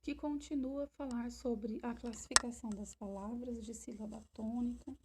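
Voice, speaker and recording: A woman's voice: fairly high pitch, fairly even intonation, moderate pace, very noisy. A woman with a Brazilian Portuguese accent teaching a remote lesson to primary school children, explaining step by step and asking questions.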